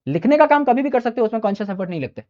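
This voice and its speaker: A man's voice: very high-pitched, big pitch swings, very fast. A male teacher speaking informally, emphatic and chatty, circling back to hammer home his main points. He calls his listeners brother as he talks. The recording is muffled and lo-fi. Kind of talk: informal study-advice lecture.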